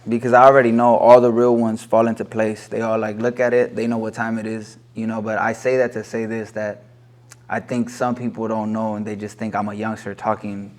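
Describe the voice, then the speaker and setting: A man's voice: lowish voice, little pitch movement, fairly quick, a little mellow. A man in his thirties from Los Angeles, a corrido singer talking earnestly and reflectively as a guest in a casual interview, now and then slipping into Spanish. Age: 30s.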